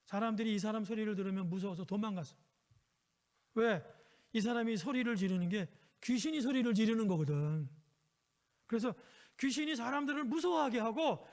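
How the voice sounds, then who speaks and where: A man preaching a children's sermon, telling a Bible story gently and asking his listeners questions. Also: very high voice. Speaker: pastor.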